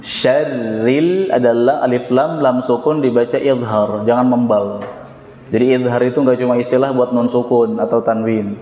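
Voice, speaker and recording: A man's voice: mid-range voice, steady tone, moderate pace, mellow, slight background noise. A man teaching Quran recitation with an Indonesian Jakarta accent, patiently modeling each sound and having students repeat it. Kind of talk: tajwid lesson with call-and-response drills. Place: prayer hall. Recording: echoey hall, reverb.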